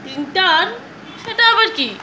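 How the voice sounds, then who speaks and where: A woman's voice: very high-pitched, lively intonation, moderate pace, background noise. A woman talking to her toddler at home in a coaxing, sing-song way, asking the same questions again and again. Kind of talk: home vlog baby talk.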